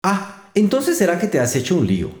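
A man's voice: high-pitched, huge pitch swings, fairly quick, darkish tone, echoey room, voice pushed up. A man voicing an eager, polite young girl in a told fairy tale, with an earnest, pleading manner.

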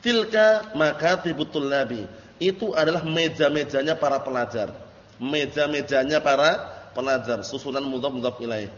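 A man's voice: on the high side, normal speed, highs cut off. Man teaching grammar in an echoey classroom. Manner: patient, checks understanding often. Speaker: Arabic teacher.

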